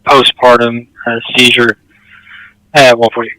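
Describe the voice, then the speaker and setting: A male emergency dispatcher on police radio, reading out units, addresses and times in a quick routine. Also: medium pitch, level tone, bright, forceful tone, no room sound, poor audio. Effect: police radio transmission.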